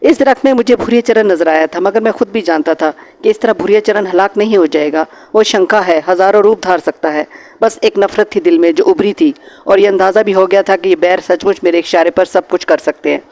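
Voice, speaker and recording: A man reading a horror novel aloud in a dramatic, measured audiobook narration. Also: high voice, a little mellow.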